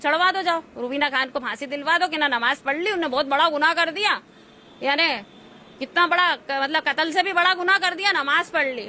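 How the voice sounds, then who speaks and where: A woman's voice: extremely high pitch, bright, forceful tone, a little hiss or hum. A woman, answering an interview defiantly with pointed rhetorical questions. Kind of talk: indignant street interview answers.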